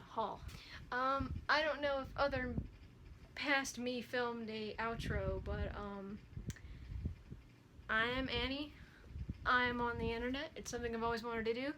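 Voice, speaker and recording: A woman's voice: on the high side, background noise. A young woman in college, chatting casually in a haul vlog, rambling with lots of fillers and giggling at herself. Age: young adult. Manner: giggly, self-deprecating. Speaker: vlogger. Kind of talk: casual chat haul video.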